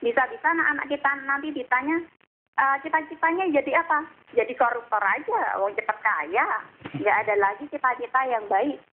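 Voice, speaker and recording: A woman's voice: high voice, a little fast. A woman calling in to a talk show by phone, plainly giving her opinions point by point. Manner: plain-spoken, lists her points in order. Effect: phone-line caller heard through a call-in line. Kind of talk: call-in opinion. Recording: tinny phone line.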